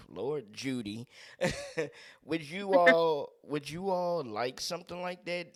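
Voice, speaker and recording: Animated, laughing male podcast host. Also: mid-range voice, no room sound. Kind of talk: casual chat.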